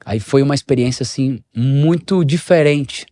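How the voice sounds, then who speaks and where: A man with a Brazilian accent, a pastor and former footballer, telling animated stories in a podcast interview and acting out the voices of people he quotes. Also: mid-range voice, normal speed. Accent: Brazilian Portuguese.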